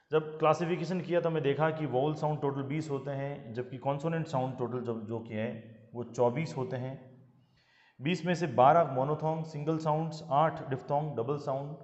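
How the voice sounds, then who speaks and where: A middle-aged man from Rajasthan, a lecturer who teaches English vowel sounds slowly, drawing out each example word. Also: medium pitch, darkish tone. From Rajasthan, India. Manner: slow, drawn-out teaching with examples. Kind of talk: phonetics lesson. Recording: echoey room, dull lo-fi sound.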